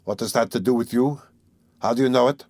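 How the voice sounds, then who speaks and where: A man's voice: mid-range voice, brisk, darkish tone, no room sound, studio quality, natural voice. A man voicing a feverish, suspicious young man who speaks in a tense, accusing way, in an audiobook reading. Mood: defiant.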